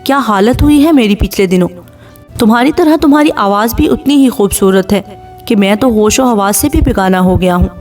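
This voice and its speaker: A woman voicing a persistent young man on the phone who talks in a calm, coaxing way. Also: medium pitch, distant mic, soft background music, lightly acted. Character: persistent young man caller, smooth and insistent.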